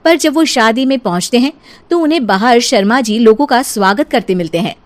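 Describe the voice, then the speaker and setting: A woman's voice: a little high, lively intonation, fairly quick. A woman narrating a scripted comic cartoon story as its storyteller.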